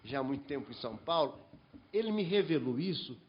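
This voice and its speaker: A man's voice: medium pitch, sing-song, brisk, breathy edge, dull audio. A man from the Brazilian Northeast on a panel, commenting at length and restarting his sentences often. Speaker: panel member. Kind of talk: panel discussion.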